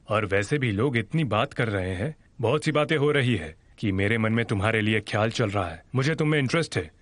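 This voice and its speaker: A man's voice: fairly low pitch, no echo. A man dubbing a proud, stubborn man who insists on refusing help, in a drama. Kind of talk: Hindi dub of a drama.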